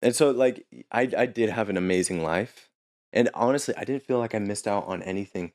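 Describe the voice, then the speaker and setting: A young man from Utah, a podcast guest, telling stories in a relaxed casual chat and chuckling often. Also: lowish voice, fairly quick. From Utah, United States.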